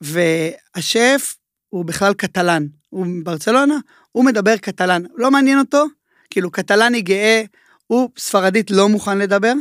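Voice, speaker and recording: A man's voice: high voice, dry recording, clean studio sound. Chatty man telling kitchen stories. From Israel. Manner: animated storyteller, heavy filler words. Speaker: chef guest. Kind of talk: casual storytelling interview.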